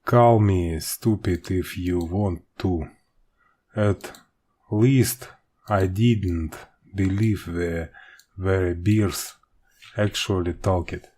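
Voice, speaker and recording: A man with a Russian accent narrates an audiobook in a low-pitched voice. His pace is extremely slow and halting. He stumbles on words here and there and repeats them as an amateur reader would. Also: fairly even intonation, mellow.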